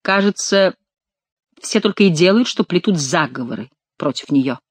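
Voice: medium pitch, lively intonation, normal speed, breathy edge, no room sound. A narrator voicing a haughty, brooding male king in an audiobook. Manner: haughty, sullen. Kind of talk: audiobook character reading.

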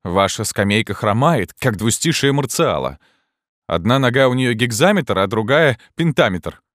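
A man's voice: medium pitch, expressive, normal speed, a bit bright, dry recording, clean studio sound, voice pushed up, close to an everyday voice. A man voicing an anxious, talkative young male poet who protests nervously. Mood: alarmed protest.

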